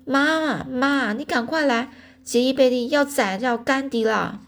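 A woman voicing a little farm girl who shouts in alarm and tattles on her brother. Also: high-pitched, normal speed, voice pushed up. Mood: alarmed shouting.

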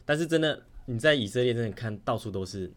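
A man's voice: medium pitch, lively intonation, fast talker. A man with a Taiwanese Mandarin accent, a podcast guest chatting casually about his travels. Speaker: podcast guest, primary school teacher.

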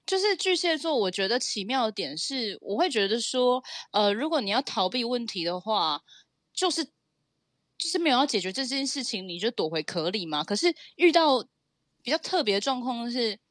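A woman co-host in a casual chat, chatty and animated, quick to agree. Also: fairly high pitch, no echo, clean studio sound.

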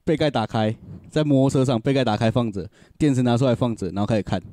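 A man tells a story at a rapid clip, swearing freely and acting out the other people's lines. His voice is dark and mellow. The sound is close and dry. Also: mid-range voice, no echo. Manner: animated, acts out quoted voices, swears freely. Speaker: podcast co-host. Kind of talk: casual storytelling chat.

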